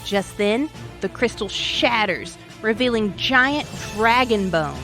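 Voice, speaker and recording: A woman narrates a scripted tale as the show's host, her voice sitting a little high. She tells it wryly, with dramatic turns. Quiet music plays underneath. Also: lively intonation, takes it slowly. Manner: wry, dramatic storytelling. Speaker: story podcast host.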